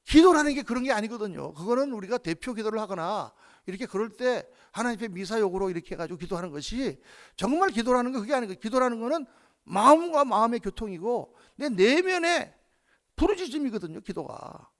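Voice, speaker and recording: A man's voice: high voice, expressive, brisk. A man preaching a sermon as pastor of a church, in a conversational style that acts out short prayers.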